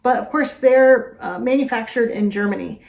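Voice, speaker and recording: A woman's voice: fairly high pitch, normal speed, vocal fry, darkish tone. An American woman hosting a vlog, chatty and self-deprecating with frequent fillers. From United States. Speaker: host. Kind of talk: casual vlog talk to camera. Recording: roomy echo.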